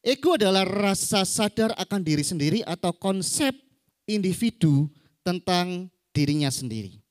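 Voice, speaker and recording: A preacher giving a conversational sermon at a church service, often tagging sentences with quick questions to the congregation. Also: medium pitch, expressive, no room sound. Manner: conversational, acts out stories, frequent tag questions.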